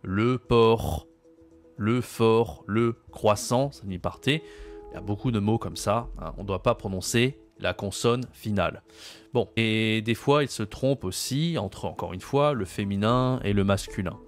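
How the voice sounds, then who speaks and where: Low-voiced French teacher, slow repeats. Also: male voice, soft background music. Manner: patient, repeats key phrases slowly for learners. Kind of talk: explaining French usage to learners.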